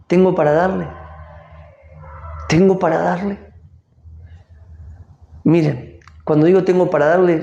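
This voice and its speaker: A man's voice: sits high, gravelly, warm tone, muffled recording. A middle-aged man with an Argentine Rioplatense accent giving an earnest devotional sermon as pastor, repeating phrases for emphasis. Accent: Argentine Rioplatense Spanish. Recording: echoey room.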